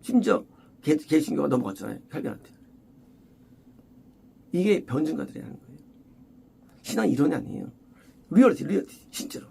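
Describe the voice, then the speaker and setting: A man preaching an expository sermon as a pastor, emphatic and repetitive, often rising to loud exclamations. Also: on the high side, very animated, a little fast, vocal fry, pauses often, slightly rough.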